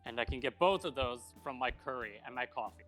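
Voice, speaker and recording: A man voicing a middle-aged cafe owner, dry and guarded. His voice sits at an ordinary pitch and stays deadpan and weary. Light music plays behind. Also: fast, natural voice. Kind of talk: fan comedy dub.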